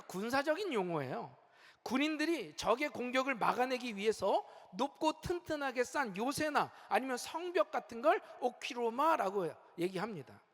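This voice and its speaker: A man's voice: extremely high pitch, a bit bright. A man preaching a sermon as senior pastor, animatedly acting out complaining churchgoers and often asking the congregation questions. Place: large church sanctuary. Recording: long church hall reverb.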